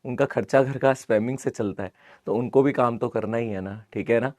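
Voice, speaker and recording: Hoarse man teaching, dry close sound. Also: medium pitch, brisk, a little mellow, no room sound. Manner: chatty, repeats greetings, mixes English into Hindi. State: hoarse, sore throat from fever. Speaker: online physics teacher. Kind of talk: live online class, casual chat. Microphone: close mic, amplified.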